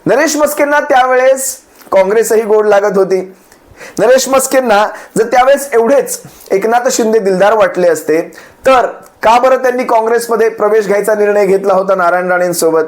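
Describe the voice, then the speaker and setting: A man with a high-pitched voice speaks a little fast as a party spokesperson in a political speech aimed at opponents. He attacks a rival using rhetorical questions and repeated phrases.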